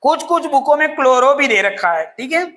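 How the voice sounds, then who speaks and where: A woman's voice: high voice, lively intonation, a little fast, a bit bright. A woman teaching a chemistry lecture, asking questions and answering them herself, with homely examples. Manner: homely examples, playful asides. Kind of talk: classroom lecture.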